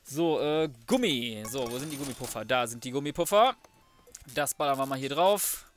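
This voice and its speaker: Over faint background music, a man with a fairly bright, mid-range, expressive voice narrates his gameplay at a moderate pace. He's a let's player, chatting casually and using plenty of slang as he describes each step.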